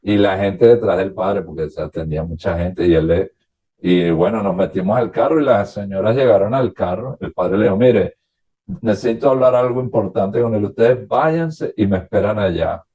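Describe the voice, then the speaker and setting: A priest from Venezuela, a man, telling his own story as a radio interview guest, recounting past conversations in a halting, reflective way. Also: fairly low pitch, mellow, husky.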